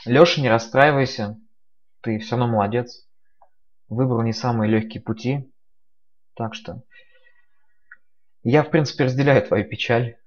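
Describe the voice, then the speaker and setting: A man's voice: mid-range voice, a little slow, pauses often, dull audio. A man giving casual live commentary on a fighting game, talking in a conversational, analytical way. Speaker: esports commentator. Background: game music.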